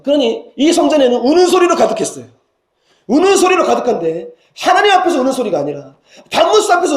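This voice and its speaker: A man preaches a sermon in a high, fervent voice that drops to hushed pleading and rises to loud cries. The recording carries the roomy echo of a church sanctuary. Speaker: senior pastor. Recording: roomy church hall sound.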